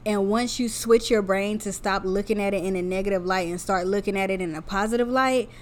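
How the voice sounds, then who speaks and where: A woman's voice: medium pitch, fairly quick. Heartfelt woman podcaster talking to listeners. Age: 30s. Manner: candid, heartfelt, addresses listeners as y'all. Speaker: podcast host. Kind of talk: solo podcast monologue.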